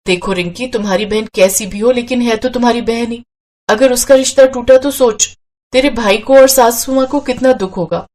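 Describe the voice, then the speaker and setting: Brief: woman voicing a calm, kind young bride, soothing tone, storybook. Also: on the high side, normal speed, lightly acted. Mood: reproachful. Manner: soft, reasonable, soothing. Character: gentle young newlywed wife. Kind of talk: storybook character voice.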